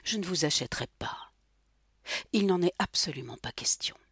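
A woman's voice: fairly low pitch, animated, moderate pace, fairly bright tone, slightly rough, dry recording, studio quality, exaggerated voice. A woman voicing a helpless husband with a thick voice who grows coldly angry. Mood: harried, angry.

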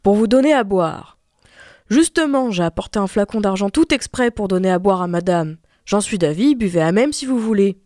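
A woman's voice: mid-range voice, expressive, normal speed, hardly any pauses, warm tone, dry recording, clean studio sound, natural voice. A woman voicing a rude, arrogant young peasant girl who speaks curtly and with a sneer, in a fairy-tale reading. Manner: curt, sneering.

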